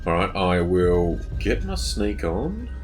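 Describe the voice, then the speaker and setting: A man's voice: sits low, sing-song, slow pace. A man chatting casually as a player in a tabletop role-playing game. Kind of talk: casual role-play chat. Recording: loud music under the voice. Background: music.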